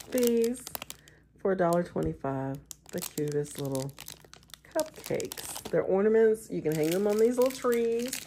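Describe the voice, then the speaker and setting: A woman's voice: lowish voice, darkish tone, a little hiss or hum. A middle-aged woman, chatting affectionately through a shopping haul as a vlog host and laughing often. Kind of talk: casual shopping haul chat.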